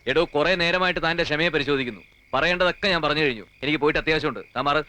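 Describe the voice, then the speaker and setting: A brisk, impatient police officer. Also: male voice, on the high side, pushed and bright. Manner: curt, commanding.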